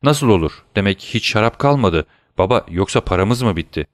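A man's voice: on the low side, animated, moderate pace, no echo, studio quality, close to an everyday voice. A man reading aloud as a young sailor, earnest and emotional with his old father. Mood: eager. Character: young male sailor, eager and devoted son.

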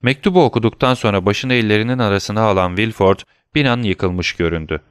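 A man narrating a classic novel as an audiobook, in a measured, literary storytelling manner. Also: fairly low pitch, clean tone, dry recording, studio quality. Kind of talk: scripted narration.

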